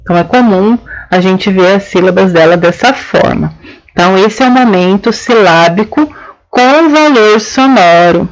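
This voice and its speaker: A woman's voice: mid-range voice, lively intonation, moderate pace, poor audio. Patient woman teaching. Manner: patient, explains step by step, checks in with listeners. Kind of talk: explanatory lesson on children's writing.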